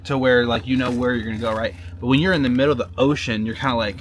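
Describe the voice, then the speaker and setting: A man talking casually in a sit-down vlog, halting and repeating words, often checking in with "right?". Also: mid-range voice, steady tone. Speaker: vlogger, husband.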